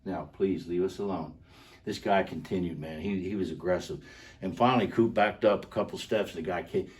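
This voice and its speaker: An older man, a karate instructor co-hosting a show, animatedly tells a self-defense story and demonstrates moves, laughing often. His voice is low and fairly quick, captured on a distant mic.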